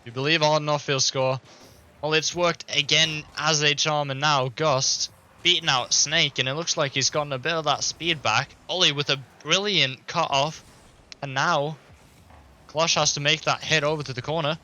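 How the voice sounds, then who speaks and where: Man, esports play-by-play, very bright tone, quick excited calls, slightly high voice. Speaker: esports caster. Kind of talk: play-by-play commentary.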